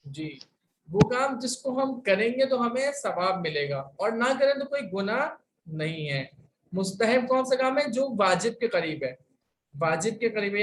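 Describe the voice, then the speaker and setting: A man from Pakistan teaching a religious class, patiently asking rhetorical questions and answering them himself. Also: extremely high pitch. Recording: roomy sound, distant from mic, faint hiss.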